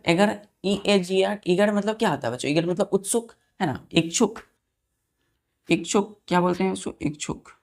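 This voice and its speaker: A woman teacher teaching English vocabulary to students, spelling words letter by letter and repeating each meaning while asking the children whether they follow. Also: on the low side. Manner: asks the children questions and checks they follow. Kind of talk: vocabulary lesson for exam students.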